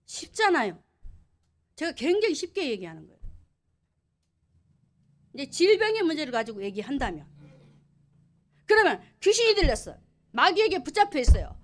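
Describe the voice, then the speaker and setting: A woman's voice: sits high, sing-song, moderate pace, long pauses. A woman pastor preaching a sermon emphatically, asking the congregation questions.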